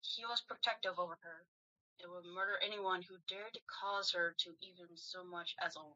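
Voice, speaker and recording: A woman host reading fanfiction aloud with lively narration. Her voice is fairly low but bright and forceful. The recording is dull and lo-fi. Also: moderate pace.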